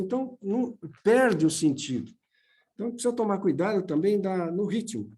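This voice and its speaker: A man's voice: high-pitched, darkish tone. A man with a Brazilian Portuguese accent giving a church seminar lesson on preaching, in a plain, patient teaching manner. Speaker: homiletics teacher.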